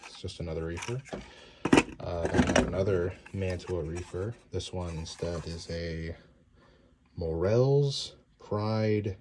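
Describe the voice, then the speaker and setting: A man casually narrating an unboxing, relaxed and halting with many fillers, his voice a little worn. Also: low voice. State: slightly losing his voice. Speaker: model train hobbyist. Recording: loud background noise and crinkling.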